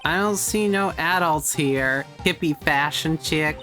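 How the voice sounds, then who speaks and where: A woman's voice: low voice, measured pace, a bit bright, soft background music. Woman playing a bratty, cocky little boy. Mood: snotty. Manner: defiant, boastful, snotty. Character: bratty, cocky twelve-year-old boy, a hero-show fanatic. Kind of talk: amateur video game voice-over.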